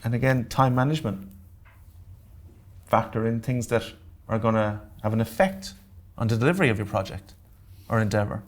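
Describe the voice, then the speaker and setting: A man's voice: on the low side, normal speed, pauses often. Irish man giving a grants workshop. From Ireland. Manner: direct, joking asides, checks in with the audience. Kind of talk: workshop lecture to a live audience. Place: community centre meeting room.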